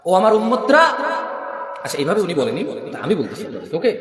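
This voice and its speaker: Male preacher, call-and-response sermon, booming hall reverb. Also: very animated, fairly quick, far from the mic. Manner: call-and-response, shouting questions to the crowd; jokes and asides. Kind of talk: waz sermon. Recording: echoey hall with a crowd.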